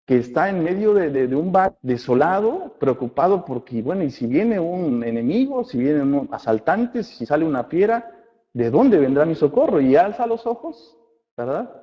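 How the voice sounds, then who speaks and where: A man's voice: fairly high pitch, big pitch swings. Man teaching a Bible class in a hall. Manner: addresses listeners as brothers, asks checking questions; reads scripture aloud slowly. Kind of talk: church Bible class lecture. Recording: muffled recording in a reverberant hall.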